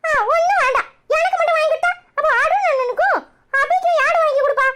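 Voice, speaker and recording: A woman's voice: very high-pitched, fast, background noise. A woman voicing a feisty, stubborn little village girl with a Kanyakumari Tamil accent, arguing sarcastically in a cartoon. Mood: indignant. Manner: sharp, argumentative, sarcastic retorts. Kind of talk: cartoon voice acting.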